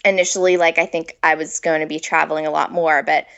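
A woman's voice: low-pitched, little pitch movement, quick pace, vocal fry, fairly bright tone. A pregnant woman, a food blogger guest, chatting casually in an interview, giggling often and filling her speech with "like". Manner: chatty, giggly, lots of filler "like".

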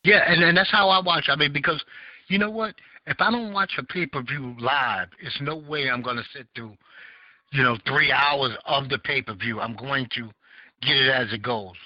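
A man with a Southern American accent hosts a laid-back call-in podcast, wandering off topic and searching for words with many fillers. He has a mid-range voice at a normal pace, and the dull lo-fi audio carries no echo.

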